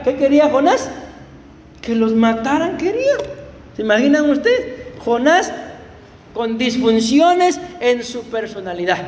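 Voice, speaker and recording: Costa Rican male pastor, high voice, storytelling sermon, echoey church hall. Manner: storytelling, laughing, addressing congregation as beloved brothers.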